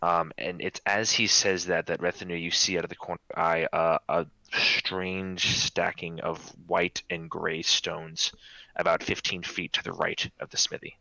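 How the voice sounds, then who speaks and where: A man's voice: low voice, level tone, normal speed, gravelly, sharp tone, no echo, low-quality recording. A man narrating an improvised tabletop game as game master.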